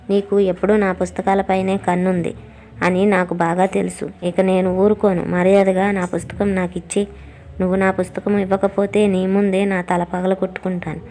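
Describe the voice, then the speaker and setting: A woman voicing an angry, stingy male devotee who shouts loud accusations. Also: fairly low pitch, little pitch movement, moderate pace, slight background noise, lightly acted. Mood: furious.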